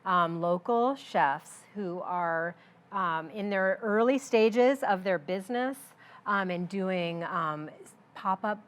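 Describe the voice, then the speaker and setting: A woman chef explaining a recipe during a cooking demo, relaxed and practical, with frequent fillers. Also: mid-range voice, slow.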